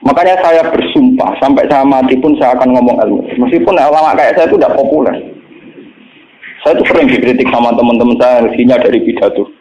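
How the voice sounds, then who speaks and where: A middle-aged Islamic cleric and religious teacher with a Javanese accent delivers an informal lecture, blending anecdotes with teaching in blunt, colloquial speech and rhetorical check-in questions. His voice is medium-pitched, quick and dark in tone, captured in a dull, echoey, noisy lo-fi recording.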